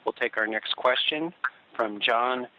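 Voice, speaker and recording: A man's voice: medium pitch, unhurried. A man working as a conference call operator, formally moderating over a telephone line.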